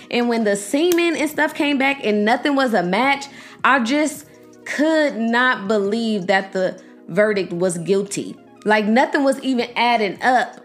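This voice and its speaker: A young woman vlogging casually, emphatic and slangy, addressing her viewers as y'all. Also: on the high side. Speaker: vlogger reacting to a series. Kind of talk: casual chat.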